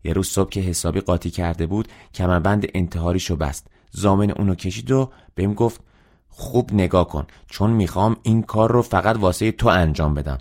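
A man's voice: sits low, a little mellow. A man voicing a cheerful, carefree young boy telling his story in an audiobook. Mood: chatty. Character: cheerful boy back home, carefree and open.

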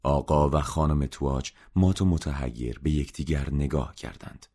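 A man reading a story aloud in a measured, subdued narration. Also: a bass voice, mellow, husky. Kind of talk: scripted audiobook narration.

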